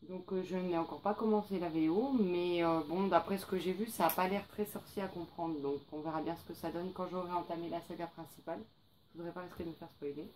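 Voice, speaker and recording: A woman's voice: on the low side, fairly even intonation, a little fast, a little mellow, a little hiss or hum, poor audio. A young woman chatting casually about books she bought, hesitating often with fillers. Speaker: book vlogger. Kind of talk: casual book haul vlog.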